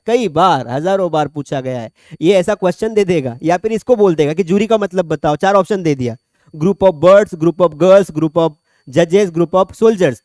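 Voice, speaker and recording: High-voiced joking male teacher. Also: darkish tone, dry recording, studio quality. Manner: chatty, joking, quizzes students by name. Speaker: English teacher. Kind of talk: classroom lecture. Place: classroom.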